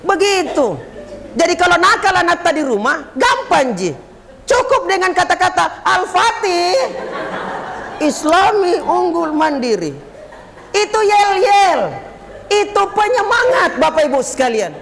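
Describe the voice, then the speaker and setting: A man preaches to parents in a joking, crowd-rousing way. His voice sits very high and has a gravelly rasp. It rings out with a long echo through a school hall. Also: big pitch swings, moderate pace, fairly bright tone, slight background noise. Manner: jokey, addresses the audience directly, rallies the crowd. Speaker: Islamic teacher speaking at a parents' forum. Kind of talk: humorous preaching talk to parents.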